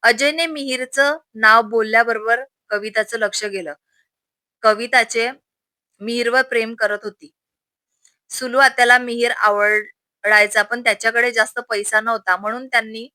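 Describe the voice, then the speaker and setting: Woman storyteller, steady narration, bright voice, dry recording. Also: a little high, normal speed, no echo.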